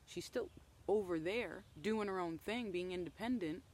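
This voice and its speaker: A woman's voice: on the low side, normal speed, a little mellow. A woman giving a casual tarot reading outdoors in the woods, talking loosely and often checking in with "okay?". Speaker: tarot reader.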